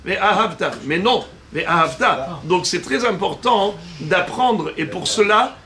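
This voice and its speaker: A rabbi teaches a religious lesson with a bright, fairly high man's voice. He explains patiently. He slows down and stresses each Hebrew term he spells out. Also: lively intonation, slight background noise.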